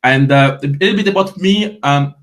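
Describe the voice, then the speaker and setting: A man's voice: on the high side, normal speed, fairly bright tone. A man in his twenties from Ivory Coast with a French accent, a fitness coach answering interview questions in a friendly way, often repeating words as he starts.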